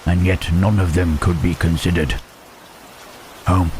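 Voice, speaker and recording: A man playing Frankenstein's monster as a lonely, gentle creature in intimate ASMR roleplay, halting and tender, with formal wording. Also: sits low, little pitch movement, a little hiss or hum. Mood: tender, wistful. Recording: rain and thunder behind the voice. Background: rain and thunderstorm.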